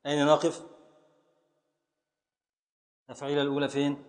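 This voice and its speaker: Egyptian teacher, echoing hall. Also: male voice, fairly high pitch, completely flat delivery, brisk. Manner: patient, calls on students, repeats and scans aloud. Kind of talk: classroom lesson on Arabic prosody and grammar.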